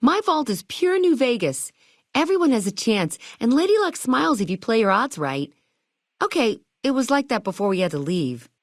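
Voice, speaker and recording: She's a bubbly, high-voiced young shopkeeper from a video game, sassy and theatrical, her pitch swinging widely as she drops retro slang in a sing-song lilt at a moderate pace. The recording is close and dry with no echo, and she sounds nostalgic and chatty.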